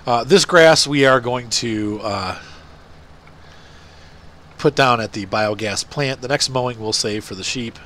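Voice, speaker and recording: Speaking unhurriedly with long pauses, this middle-aged man has a medium-pitched, slightly bright voice and a congested nose. He hosts a gaming channel and gives rambling, chatty commentary full of fillers while playing a farming game.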